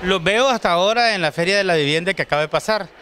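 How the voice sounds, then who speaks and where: A man's voice: high-pitched, quick pace, bright, forceful tone, a little hiss or hum. A man in his forties hosting a TV show, interviewing a guest at a trade fair booth with a handheld mic, formal and courteous. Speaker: TV show host.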